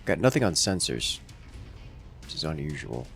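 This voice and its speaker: A man's voice: rumbling low, very animated, normal speed, gravelly, a bit bright, faint music behind. A man playing a game with friends, giving dry, matter-of-fact callouts. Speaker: co-player. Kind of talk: casual gaming chat.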